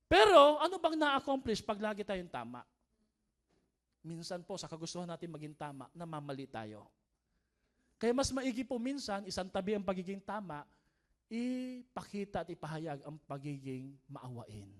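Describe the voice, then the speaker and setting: Lively Filipino pastor preaching. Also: male voice, high voice, moderate pace. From Philippines. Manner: lively preaching that mixes Tagalog and English, often asking the congregation to answer. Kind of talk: sermon.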